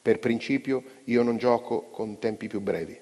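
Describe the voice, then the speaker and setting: A man's voice: medium pitch, steady tone, dark tone, husky, big-room sound. Man playing a cold, curt chess champion. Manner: slow, dry, coldly ironic.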